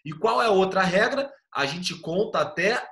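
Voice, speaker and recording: Patient male teacher, slightly high voice. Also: expressive, normal speed, bright, forceful tone. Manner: patient, step-by-step explaining with casual slang. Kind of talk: online class lesson.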